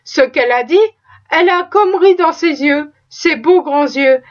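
A woman's voice: sits high, measured pace. A woman voicing a proud, chatty cook. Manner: talkative, exclaiming, folksy. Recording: slightly dull lo-fi recording.

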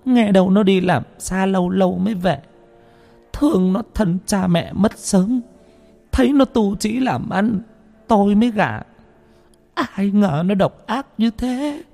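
A man's voice: sits high, animated, measured pace, creaky, mellow, pitched above the performer's own voice, exaggerated voice. A trembling older father talks through tears in a raised, shaky voice, put on by a male narrator. His words come heavy and broken with grief. Faint music plays underneath the spoken story. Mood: grieving. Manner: tearful, shaky pleading. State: crying. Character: trembling grieving elderly father.

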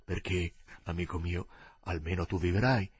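A man's voice: deep voice, fairly even intonation, unhurried, breathy edge, dry recording, heavily acted. A man reading a firm, earnest young man.

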